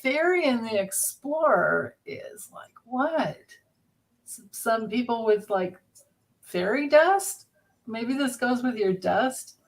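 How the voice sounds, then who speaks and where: Higher-voiced woman chatting. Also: lively intonation, takes it slowly. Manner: rambling, restarts, laughs. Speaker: card reader. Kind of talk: casual chat.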